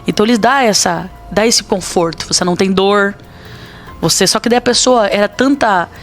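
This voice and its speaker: A woman's voice: mid-range voice, moderate pace, faint music behind. Brazilian woman pastor telling a story. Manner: earnest, dramatic storytelling with quoted dialogue. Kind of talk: personal testimony in a podcast interview.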